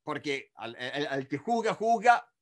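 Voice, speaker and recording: A man's voice: a little high, sing-song, a little slow. A man with a Rioplatense Spanish accent giving a negotiation masterclass, emphatic and repetitive, talking straight to his audience. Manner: acts out others in quoted asides. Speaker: negotiation instructor. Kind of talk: recorded masterclass lecture.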